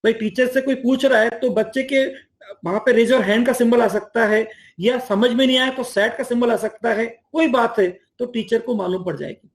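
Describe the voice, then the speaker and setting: A man explaining an online teaching platform in a lively conversational way, often acting out teachers and students. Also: extremely high pitch, moderate pace. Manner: enthusiastic, acts out teacher and student lines. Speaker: education platform mentor.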